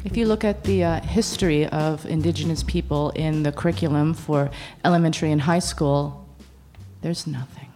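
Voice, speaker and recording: A woman's voice: sits low, fairly even intonation, moderate pace, warm tone, faint music behind. A woman speaking at a public university talk, blunt and sarcastic, acting out the conversations she recalls. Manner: blunt, sarcastic, acts out quoted exchanges. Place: university lecture event.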